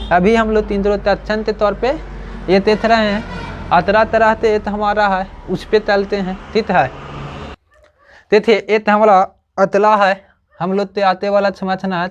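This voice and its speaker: A man's voice: high voice, slight background noise. A man teaching a grammar lesson, patiently repeating each point and checking in with the class. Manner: patient, repeats points with frequent "theek hai". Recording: dull lo-fi recording.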